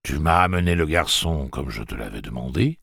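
A man voicing a soft-spoken, menacing male gang leader who talks quietly and silkily. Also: rumbling low, animated, fairly quick, gravelly, slightly rough, no echo, clean studio sound, heavily acted. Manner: quiet and silky.

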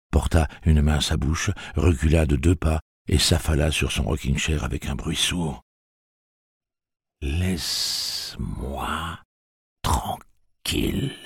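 A man narrating a novel aloud in a measured, dramatic storytelling manner. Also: a bass voice, fairly even intonation, husky, no room sound, clean studio sound. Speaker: audiobook narrator.

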